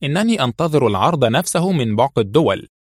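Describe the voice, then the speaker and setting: A man's voice: mid-range voice, very animated, fast talker, slightly rough, dry recording, studio quality, pitched above the performer's own voice. A man voicing a haughty, defiant woman negotiator who speaks sternly.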